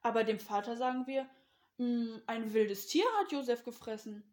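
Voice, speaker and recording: A woman voicing a group of jealous older brothers, loud and scornful as they scold. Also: on the high side, fairly even intonation, normal speed, roomy sound, lightly acted.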